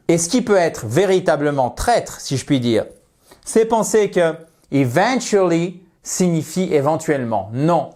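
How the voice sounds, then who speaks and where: Slow, deliberate male English teacher. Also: on the high side, a little mellow. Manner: slow, deliberate, repeats example sentences. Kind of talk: video lesson for French speakers.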